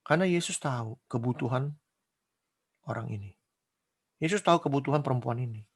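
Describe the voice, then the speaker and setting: Gravelly-voiced man preaching casually. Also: mid-range voice, a little fast. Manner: conversational, rhetorical questions, acts out quotes. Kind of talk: casual sermon.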